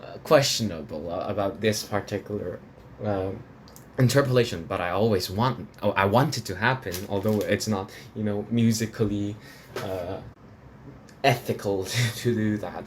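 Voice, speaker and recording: A lowish male voice at a moderate pace, with a little hiss or hum on the recording. The speaker, from Hong Kong, rambles casually through opera recording reviews, restarting often, filling pauses, and chuckling between points.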